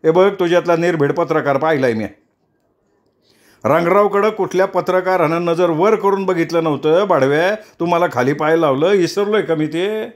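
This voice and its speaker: A man doing a loud, mocking politician. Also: on the high side, moderate pace, voice pushed up, lightly acted. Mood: scornful. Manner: loud, scornful, teasing. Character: brash loud male politician, middle-aged, mocking.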